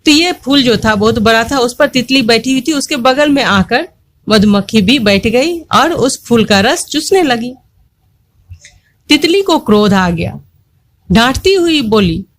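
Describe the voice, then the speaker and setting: Woman teacher explaining a children's story. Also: fairly high pitch. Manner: explanatory, repeats each line and asks the children questions.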